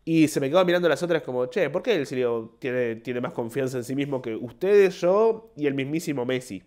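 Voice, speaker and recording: A man's voice: medium pitch, expressive, brisk, darkish tone. A young man with an Argentine Spanish accent, a podcast host and comedian telling stories in a rambling, self-mocking casual monologue. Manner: rambling, self-mocking, acts out short quoted voices.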